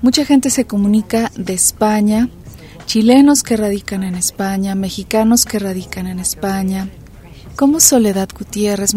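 A woman's voice: mid-range voice, warm tone. A woman radio host speaking to her listeners on a late-night programme. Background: music.

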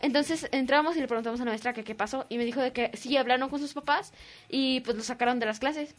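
A teenage girl with a Mexican Spanish accent, co-hosting a youth radio show and telling a story in a casual, animated way, acting out the voices. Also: sits high, quick pace. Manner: animated, acts out voices in her story, giggly. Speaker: young radio co-host. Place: radio studio.

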